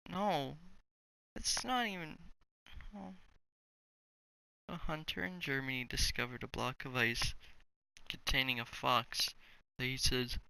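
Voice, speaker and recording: Young guy cohost, teasing and jokey, raspy edgy voice, dry sound. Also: medium pitch, a little slow, pauses often, pushed and bright, no room sound, rough recording. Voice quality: gravelly. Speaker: podcast co-host. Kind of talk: casual chat.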